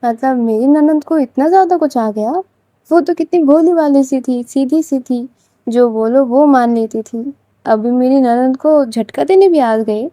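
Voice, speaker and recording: A woman voicing a teasing, good-humoured sister-in-law who coaxes and gently mocks in a storybook reading. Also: high-pitched, unhurried, dry recording. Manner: coaxing and teasing.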